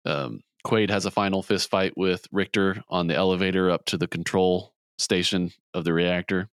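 Very deep, smooth-voiced man recapping. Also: steady tone, no room sound, clean studio sound. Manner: rambling plot retelling with quick voiced quotes and laughs. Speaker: podcast host. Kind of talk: casual movie recap chat.

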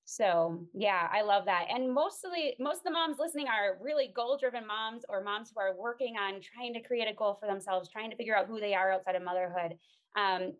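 A woman in her thirties hosts a casual podcast interview. She sounds upbeat and affirming, with a voice of medium pitch. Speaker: podcast host.

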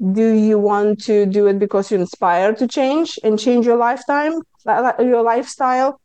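In a smooth, medium-pitched voice, a Lithuanian-accented stress management coach earnestly and candidly shares her personal story for a podcast interview, breaking into lively quotes of herself. There is no room sound, though the recording quality is low.

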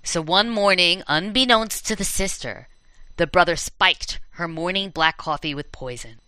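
A woman's voice: on the low side, moderate pace, sharp tone, no echo, poor audio. A woman hosting a chat, telling campfire horror stories in a dramatic, playful way. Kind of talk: storytelling in casual chat.

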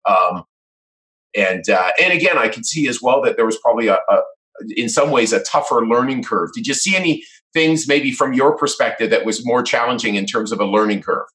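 A man's voice: medium pitch, animated, brisk, fairly bright tone, poor audio. A man hosting an interview, asking questions in a rambling way with many restarts. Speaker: host. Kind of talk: conversational interview.

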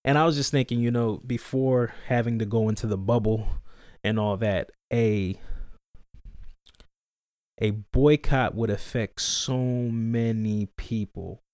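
A man co-hosting a podcast in casual chat, laid-back and thinking aloud with many pauses. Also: mid-range voice, steady tone, a little mellow, no room sound, clean studio sound. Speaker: podcast co-host.

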